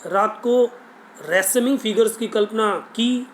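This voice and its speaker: High-voiced teacher explaining a lesson. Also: male voice, fairly bright tone, a little hiss or hum, rough recording. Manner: reads English lines slowly, then explains them quickly in Hindi. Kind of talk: bilingual chapter explanation.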